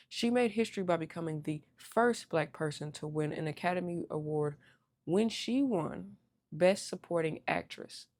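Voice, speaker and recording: A woman's voice: sits low, a little mellow. A woman hosting an earnest history talk, reading a script to her viewers with small stumbles and self-corrections. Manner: earnest, addresses viewers directly, honorific titles. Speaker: host.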